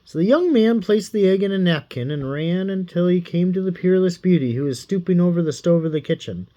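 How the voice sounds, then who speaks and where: A man reading a fairy tale aloud in a playful, animated way. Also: sits high, fairly quick. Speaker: storyteller.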